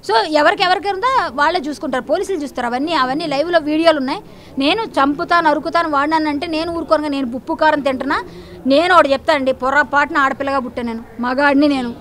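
A woman's voice: sits high, very fast, a bit bright. A woman, speaking in a heated news interview in a fiery, defiant and accusatory way.

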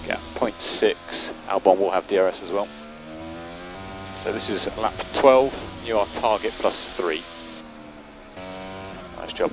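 A man works as race engineer, relaying short, matter-of-fact instructions over race car radio. His voice is low, with obvious vehicle noise on the channel. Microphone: radio headset.

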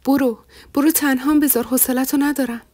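A woman's voice: a little high, flat delivery, breathy edge, no echo. A woman voicing a cold, weary young woman who answers curtly and bursts out in anger. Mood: angry. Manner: curt, rising to angry outbursts.

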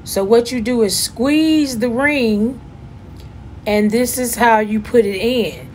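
A woman, chatting loudly and jokingly as she gives a casual demonstration at home. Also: on the high side, takes it slowly, a little hiss or hum. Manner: chatty, joking, loud and animated. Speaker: vlogger giving a demonstration.

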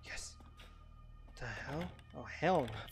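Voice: mid-range voice, animated. A gameplay commentator talking through a horror game, swearing constantly, panicking and repeating words in frantic bursts. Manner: repeats words in rapid bursts when scared. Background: game music.

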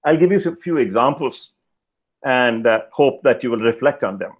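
An older man giving a keynote lecture over slides on a video call, talking in a measured, deliberate way with pauses and fillers. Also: medium pitch, animated. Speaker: keynote speaker. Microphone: headset, video call. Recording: slightly dull video-call audio.

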